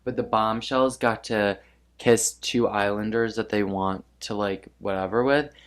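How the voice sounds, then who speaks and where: A woman chatting casually as a podcast guest, animated and gossipy with quick asides. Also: rumbling low. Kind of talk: casual chat.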